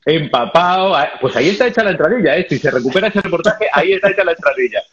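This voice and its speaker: Spanish host rattling off jokes super fast, muffled lo-fi stream audio. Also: male voice, fairly high pitch, lively intonation, a bit bright, slight background noise. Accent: Spain Spanish. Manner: joking, rapid-fire talker. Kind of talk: casual chat over a live stream. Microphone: video call.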